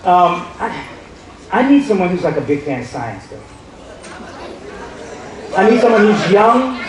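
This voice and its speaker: A high-pitched man works the room as a stage magician, joking and teasing the audience between loud bursts of hype. He is heard from far off in an echoey theater, with a noisy audience chattering and laughing behind him. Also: very animated, measured pace. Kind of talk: live magic show banter. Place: large theater on a cruise ship. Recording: echoey hall recorded from far off, crowd noise.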